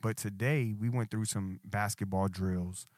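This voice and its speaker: A man's voice: fairly low pitch, steady tone, unhurried, darkish tone, dry recording, studio quality. A middle-aged man co-hosting a podcast, telling stories in casual chat full of slang and quoted friends. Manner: laid-back storytelling with slang, quoting friends. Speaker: podcast co-host.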